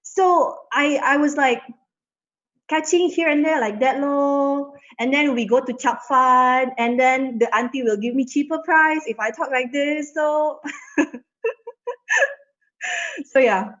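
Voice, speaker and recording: A young woman from Indonesia, whose first language is Indonesian, speaks slowly with long pauses in a high, fairly bright voice. She's a chatty panelist in a casual video-call panel, peppering her talk with "you know," and the sound is slightly muffled.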